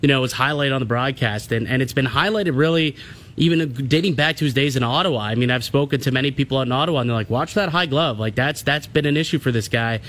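A man's voice: medium pitch, fast talker, fairly bright tone. A man co-hosting sports radio, giving casual, emphatic analysis.

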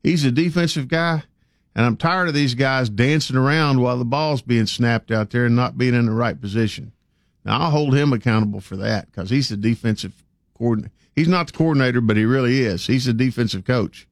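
A man's voice: mid-range voice, fairly quick, dry recording, clean studio sound. A man giving folksy, opinionated commentary as a sports talk host. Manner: plain-spoken, folksy, opinionated.

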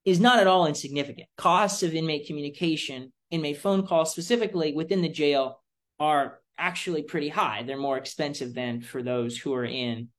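Speaking at a fairly high pitch, the young American man from Florida explains his positions during an interview. As a student policy advocate, he is articulate and deliberate, with emphatic phrasing.

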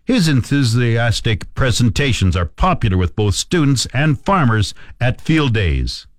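A man's voice: medium pitch, sing-song, unhurried, no echo, studio quality. A man with a Canadian accent reading a scripted radio farm report as the host.

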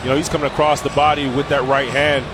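A man's voice: mid-range voice, little pitch movement, fast. A man giving live color analysis of a basketball game in a conversational, explanatory way. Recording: arena noise behind voice. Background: basketball arena crowd.

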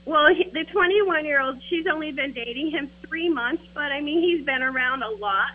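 A woman in her forties calling in by phone, telling her story in an animated way with quick asides, her phone line breaking up. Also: high voice. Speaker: caller. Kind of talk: casual call-in chat. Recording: tinny phone line with faint noise.

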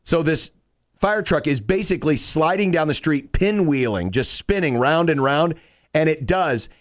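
A man co-hosting a casual sports podcast, telling stories with dry quick asides. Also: on the high side, lively intonation, no echo. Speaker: podcast co-host.

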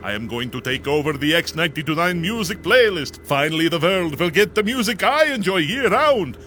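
An actor playing a pompous, melodramatic Dracula, a bossy and easily flustered vampire villain in a comic radio drama. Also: male voice, a little high, sing-song, a little fast, background noise. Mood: menacing, gloating. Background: music.

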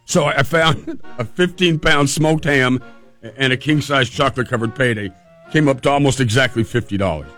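A man's voice: mid-range voice, moderate pace, fairly bright tone, soft background music. A man hosting radio, telling a casual, humorous personal story in a rambling way, repeating phrases for emphasis. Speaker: radio host.

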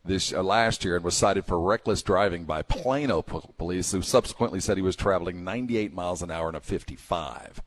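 A man co-hosting sports radio with casual talk and a halting, stammering delivery. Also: deep voice.

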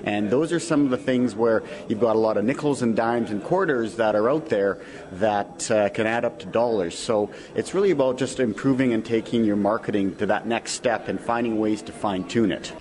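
A man explaining things conversationally as a financial advisor in a radio interview, thinking aloud with pauses. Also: lowish voice, a little mellow. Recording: crowd murmur in the background.

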